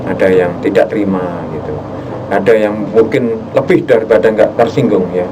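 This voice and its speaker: A man with a very deep, heavy bass voice explaining conversationally as a radio talk guest, often checking that the listener follows. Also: moderate pace. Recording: distant mic, humming room noise.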